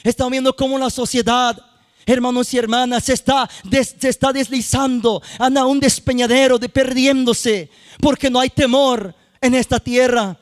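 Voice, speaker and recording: An extremely high-pitched man speaks at normal speed with fairly even intonation, preaching a sermon as youth minister in a church sanctuary. His style is repetitive, full of "hermanos y hermanas" addressed to the congregation, with phrases that sometimes drift into song.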